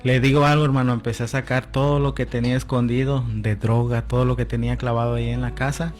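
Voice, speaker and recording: A man's voice: medium pitch, flat delivery, quick pace, darkish tone, soft background music. A man telling his personal testimony as a radio guest, often adding "amén" and quoting conversations. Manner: storytelling, with frequent "amén" and quoted dialogue.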